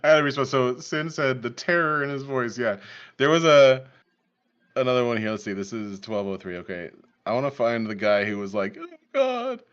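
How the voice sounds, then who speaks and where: A man's voice: mid-range voice, fairly quick, fairly bright tone, smooth. A man hosting a live podcast stream, reacting casually and laughing often. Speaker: podcast host. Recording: dull lo-fi stream audio.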